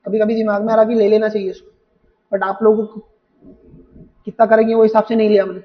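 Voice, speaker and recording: A man's voice: sits high, flat delivery, quick pace, recorded from a distance. A man teaching an exam-preparation lesson who explains patiently, repeats points and keeps asking the students rhetorical questions. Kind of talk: exam paper walkthrough lesson. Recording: dull sound, voice from off the mic.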